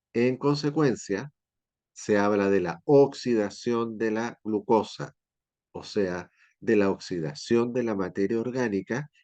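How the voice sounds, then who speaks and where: A man teaches a university chemistry class, explaining step by step and often checking that his students follow. His voice is on the low side with a darkish tone, and the recording is muffled.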